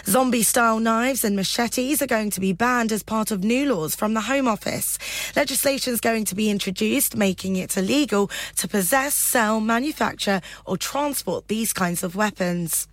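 A woman with a British accent reading a scripted radio news bulletin in a measured, formal delivery. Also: fairly high pitch, no echo. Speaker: radio newsreader.

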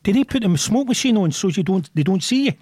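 A man's voice: high voice, animated, fast talker, darkish tone, slightly rough, dry recording. A man hosting a live radio show, teasing his guests and laughing often. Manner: laughing, teasing, banter-heavy. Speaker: radio host. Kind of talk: casual live radio chat.

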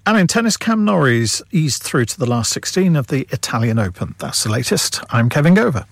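A British man reads a scripted news bulletin. His pitch is mid-range and the studio sound is close and dry. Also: sing-song, fairly quick, vocal fry, dry recording. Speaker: radio newsreader.

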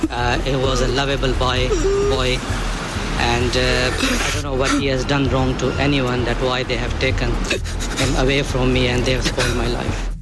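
A man speaks as a live interpreter for a news report, relaying a mother's words in the first person. He is halting and pauses on fillers between phrases. Loud music plays behind him. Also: medium pitch, poor audio.

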